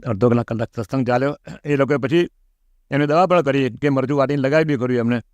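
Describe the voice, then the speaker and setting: A middle-aged man, an interview guest, telling a personal pilgrimage story in an animated way and acting out the lines he quotes. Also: mid-range voice, fast, dry recording, muffled recording. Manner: animated, acts out quoted speech.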